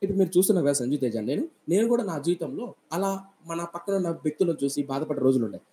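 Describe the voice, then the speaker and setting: A man preacher delivers a storytelling sermon at a brisk clip. His voice is dark and mellow, and he sprinkles English words into his animated telling. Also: a little high, a little hiss or hum. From Kadapa region, India.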